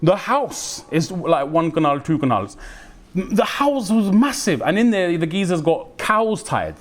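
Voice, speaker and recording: A British man from the United Kingdom gives a religious talk as a preacher, in a lively, slangy way, acting out the voices he quotes. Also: fairly high pitch, a little slow. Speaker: Islamic preacher.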